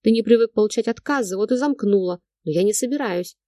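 A woman voicing a frightened but defiant young woman who snaps back in sharp outbursts. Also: medium pitch, quick pace, no echo, clean studio sound, close to an everyday voice.

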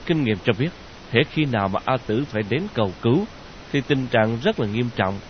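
A man narrating a story in an expressive audiobook reading, in a dull lo-fi recording. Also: mid-range voice, a little fast, a little hiss or hum.

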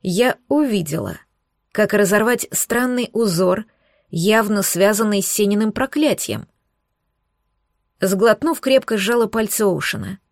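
A woman narrates a fantasy audiobook in the first person, with a lively and dramatic delivery. Her voice sits at a mid pitch. The recording is close and dry, with no room echo. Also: unhurried.

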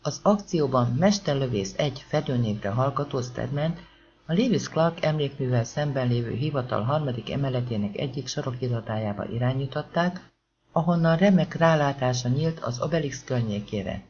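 A man narrating an audiobook in a steady, measured reading. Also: medium pitch. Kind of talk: scripted narration. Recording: slightly dull lo-fi recording with faint hiss.

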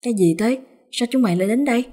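A woman voicing a timid young village man, flustered and hurried. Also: fairly high pitch, dark tone, slightly rough, voice pushed up.

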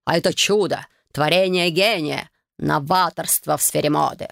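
An audiobook reader voicing a smug, greedy young male fashion genius, speaking slowly and drawing out the words. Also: mid-range voice, creaky, fairly bright tone, dry recording, studio quality. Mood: mocking.

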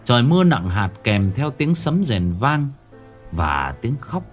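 Lively male ghost story narrator. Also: mid-range voice, unhurried, soft background music.

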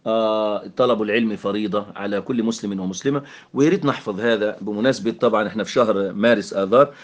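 Egyptian man, lower voice, brisk explanatory teaching delivery, English terms mixed in. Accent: Egyptian Arabic. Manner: explanatory, mixes English terms, frequent fillers. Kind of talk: English grammar lesson explained in Arabic.

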